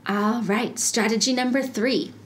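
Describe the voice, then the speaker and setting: A woman's voice: fairly high pitch, a little slow, slight background noise. Bubbly chatty woman podcast host. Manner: bubbly, chatty, laughs often. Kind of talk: casual solo podcast.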